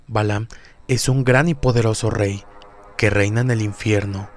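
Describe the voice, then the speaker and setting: Low-voiced male occult narrator. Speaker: guest narrator. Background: faint music.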